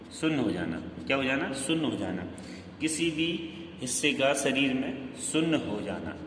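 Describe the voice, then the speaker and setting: A man's voice: mid-range voice, a little hiss or hum. Hindi-accented man teaching in an echoey room. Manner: repetitive, quizzing the viewers with questions and answers; stresses corrections emphatically. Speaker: English teacher. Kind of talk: screen-based grammar lesson. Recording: echoey room with long reverb.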